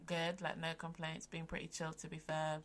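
A woman's voice: deep voice, completely flat delivery, normal speed, fairly bright tone. A young woman from London co-hosting a podcast in a casual, chatty way, laughing often and using plenty of filler words. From London, England. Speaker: podcast co-host. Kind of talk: casual chat.

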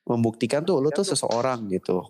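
An Indonesian man with a colloquial Jakarta accent chats casually in a medium-pitched voice. He is blunt and teasing, and drops English words into his slang. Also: big pitch swings, a little fast, darkish tone. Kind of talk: casual chat.

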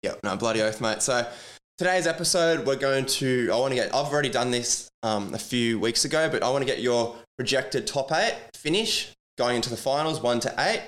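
A man's voice: mid-range voice, lively intonation, a little fast, a bit bright. Blokey Aussie man hosting, tradie-style matey chat. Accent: Australian. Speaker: sports podcast host. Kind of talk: casual sports chat.

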